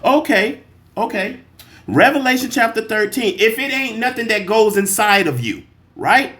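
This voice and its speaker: A man hosting a reaction video, irritated and profane, talking straight at his viewers and stopping to read scripture slowly. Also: high-pitched, expressive, sharp tone. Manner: reads scripture slowly and deliberately. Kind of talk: heated commentary on a played clip.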